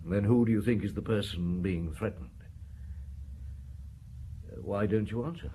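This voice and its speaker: An actor playing a shrewd middle-aged police chief inspector in an audio drama, questioning in a measured way with thoughtful hums. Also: male voice, on the low side, mellow, slight background noise, natural voice. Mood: calm, probing.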